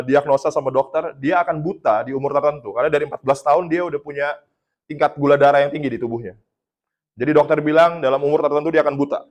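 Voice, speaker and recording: A man from Indonesia preaching a casual sermon, telling a testimony in a chatty storytelling way and laughing at his own jokes. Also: medium pitch. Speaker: pastor.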